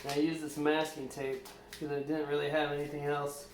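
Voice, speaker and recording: A man's voice: on the high side, monotone, fairly quick, echoey room, a little hiss or hum. A man vlogging at home, explaining step by step in plain, casual speech. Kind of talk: casual home-video narration. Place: room in a house.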